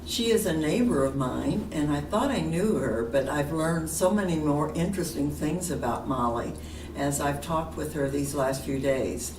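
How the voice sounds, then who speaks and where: A woman's voice: sits low, normal speed. An older woman interviewing a neighbor at her retirement community, asking friendly prompting questions. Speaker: interviewer, fellow resident. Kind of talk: oral history interview. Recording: roomy, distant mic with background noise.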